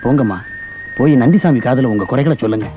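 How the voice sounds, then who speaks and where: An actor playing a respectful male servant who gently explains a custom in a film scene. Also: medium pitch, fast talker, natural voice. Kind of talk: film dialogue. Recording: thin, phone-like old film sound with music.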